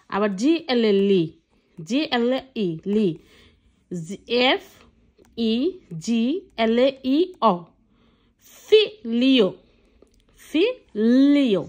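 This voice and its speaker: A woman's voice: on the high side, darkish tone. A woman teaching a casual language lesson, patiently spelling out letters one at a time and often checking that her listeners follow.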